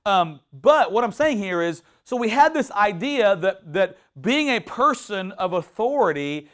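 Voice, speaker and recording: A man preaching a sermon in an animated, conversational way, with frequent restarts and bursts of mock shouting. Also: sits high, measured pace. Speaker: pastor.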